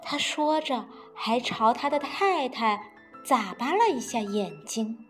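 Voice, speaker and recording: A woman narrating a children's storybook in a gentle, drawn-out storytelling manner. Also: on the high side, expressive. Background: faint music.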